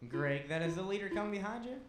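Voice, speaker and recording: A man runs the race from the stand, rattling off positions, gaps and caution calls in clipped, matter-of-fact commands. His voice sits high for a man. It rings out with a lot of echo around it. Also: lively intonation, fast talker, slight background noise. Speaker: race director. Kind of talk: live race calling over a PA.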